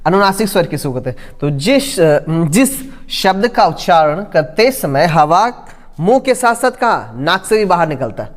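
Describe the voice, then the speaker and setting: A man teaching a grammar lesson. He draws vowels out to demonstrate them and keeps checking in with "ठीक है". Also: sits high. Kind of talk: classroom-style grammar lesson. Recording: long echoing reverb in a room.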